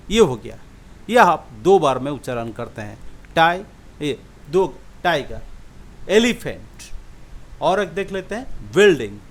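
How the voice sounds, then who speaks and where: A man gives a patient lesson, stretching example words out slowly and pausing to ask whether it makes sense. His voice sits a little high and rises and falls in a lively, animated way. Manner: repeats example words slowly, checks understanding with questions. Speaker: English teacher. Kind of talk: classroom-style lesson explaining syllables.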